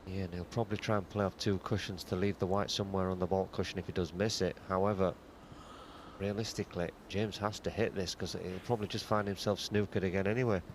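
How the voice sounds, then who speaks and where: Low-voiced man, hushed snooker commentary. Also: fairly even intonation, fast, slight background noise. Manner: understated, conversational, analytical.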